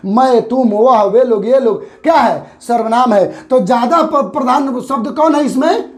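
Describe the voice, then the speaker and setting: A woman teaching a grammar lesson, asking questions and answering them herself, and slowly drawing out her example phrases. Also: on the high side.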